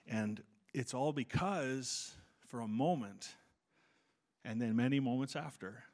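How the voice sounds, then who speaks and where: In church, a middle-aged male pastor delivers a conversational sermon at medium pitch. He's warm-humored and self-deprecating, and he often restarts his sentences.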